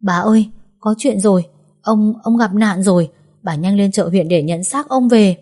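A woman's voice: mid-range voice, warm tone, pitched above the performer's own voice, close to an everyday voice. A woman voicing a panicked man hurrying to bring terrible news. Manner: hurried, breathless.

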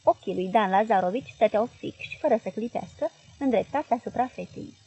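Husky woman reading a novel aloud. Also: medium pitch, no echo, lo-fi sound. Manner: measured, expressive narration. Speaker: audiobook reader.

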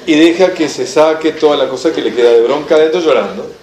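A man with a Rioplatense Spanish accent teaching an enneagram class in a lively lecture style, acting out the people in his examples with humor. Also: fairly high pitch, fast talker, echoey room, a crowd in the background. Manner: animated storyteller, acts out quoted voices with laughter.

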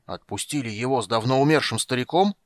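A man's voice: mid-range voice, fast talker, dry recording, studio quality, voice pushed up, lightly acted. A man reading the part of a grumpy old dwarf who blusters with indignation. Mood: complaining.

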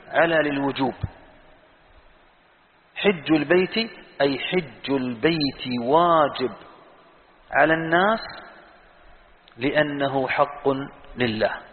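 A man teaching a Quran exegesis lesson, reciting verses slowly and putting questions to his students. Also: on the high side. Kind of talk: classroom tafsir lesson. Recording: tinny phone-like sound in a reverberant hall.

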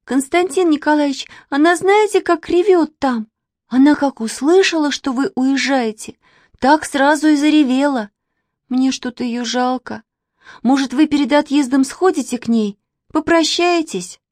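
A bold little girl from a children's storybook, as a woman reader puts her on, blurting and pleading in a high, bouncing voice. The reading is dry and close-miked. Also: very animated, measured pace, few pauses, warm tone, no room sound.

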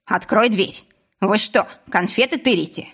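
A woman reading a menacing male boss who threatens in a husky voice, mock-sweet at times. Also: mid-range voice, measured pace, fairly bright tone. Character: menacing middle-aged male boss, villain.

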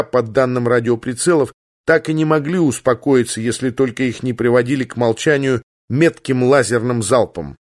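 A man reading a novel aloud in the first person with measured, even delivery. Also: medium pitch, no room sound, clean studio sound. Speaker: audiobook narrator. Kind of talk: scripted first-person narration.

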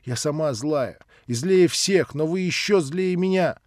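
A man's voice: on the high side, a little slow, a little mellow, dry recording, clean studio sound, voice pushed up, close to an everyday voice. A man voicing a proud, tormented orphan girl who bursts out tearfully and shrilly. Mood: defiant.

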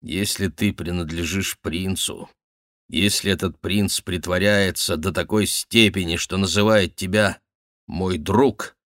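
A man's voice: sits low, steady tone, a little slow, fairly bright tone, no room sound, clean studio sound. A man voicing a sick, sullen nobleman in an audiobook, speaking tersely and coldly in a muttered tone. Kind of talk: audiobook reading.

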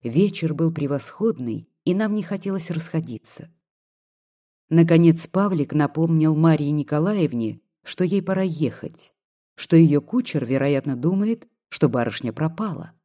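An audiobook narrator reads classic prose in a measured, even way. The voice is dark and mellow. A husky texture runs through it. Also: medium pitch.

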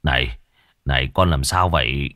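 A weary old grandfather speaks slowly in a very deep, heavy voice, worn down by grief, as a man narrator plays him. His lines come halting and tired, in a spoken horror tale. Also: sharp tone, no echo, studio quality. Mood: grieving. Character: grieving poor old grandfather.

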